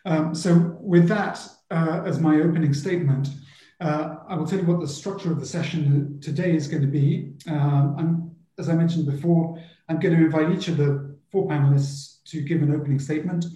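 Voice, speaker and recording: Halting male moderator in a roomy echo. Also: on the high side, steady tone, warm tone. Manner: halting, frequent ums and uhs. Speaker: panel moderator. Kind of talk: hosting an online panel.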